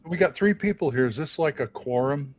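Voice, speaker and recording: A man chatting on a live show in a fairly high voice that swings widely up and down. He talks in an easy, talkative way, full of asides. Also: fairly quick. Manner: chatty, lively, reminiscing. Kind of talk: casual livestream chat.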